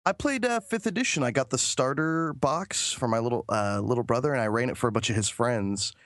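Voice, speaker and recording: A man co-hosting a podcast, chatting casually and telling animated anecdotes. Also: mid-range voice, fairly quick, no echo, clean studio sound. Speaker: podcast co-host. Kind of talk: casual chat.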